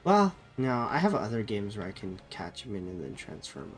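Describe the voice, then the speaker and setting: A nasal man with a cold talks fast and very animatedly while streaming a game, his voice lowish and soft music behind him. He chats casually with viewers and keeps correcting himself.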